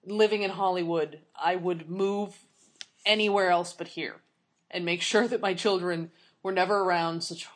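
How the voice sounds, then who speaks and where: A woman's voice: lowish voice, steady tone, moderate pace. A woman casually discussing a film and its book with a co-host, blunt and opinionated, swearing freely. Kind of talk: casual movie review chat.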